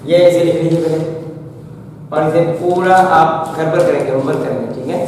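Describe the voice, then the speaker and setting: A man teaching Arabic grammar to a class, speaking slowly, repeating words and stretching out the Arabic examples. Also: on the high side, background noise. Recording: echoey classroom from far off.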